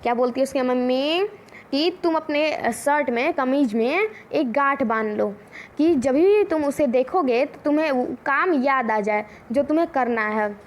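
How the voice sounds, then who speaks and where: Female teacher, high voice, repeats lines slowly for young kids. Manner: repeats lines slowly, asks the class questions. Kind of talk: explaining a children's story lesson.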